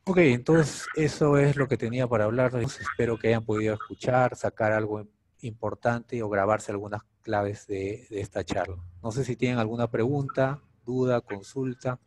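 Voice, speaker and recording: A middle-aged man talks through a lecture for medical students in a relaxed, conversational way. His pitch sits mid-range for a man, and he keeps checking in with his listeners with a questioning "no?". A faint hiss of noise runs under the recording. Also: normal speed. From Peru. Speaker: doctor teaching medical students. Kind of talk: informal online lecture.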